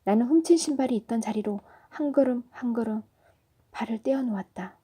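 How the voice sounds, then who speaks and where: A woman storyteller reading a children's story aloud in a soft, often whispery narration. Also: a little high, brisk, slightly rough.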